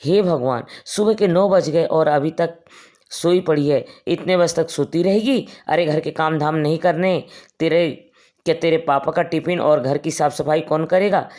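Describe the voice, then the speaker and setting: A man's voice: fairly high pitch, normal speed, darkish tone, lightly acted. A man voicing a harsh stepmother in a storybook tale, sternly scolding and nagging.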